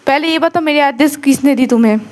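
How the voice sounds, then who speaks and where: A woman's voice: high-pitched, fast, darkish tone, natural voice. A woman voicing a stern, sarcastic female professor who is feverish and irritable, scolding with pointed questions.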